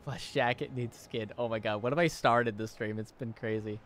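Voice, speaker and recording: A man's voice: medium pitch, steady tone, moderate pace, fairly bright tone, a little hiss or hum. A man giving casual, rambling live-stream commentary on a game, amused and often repeating himself.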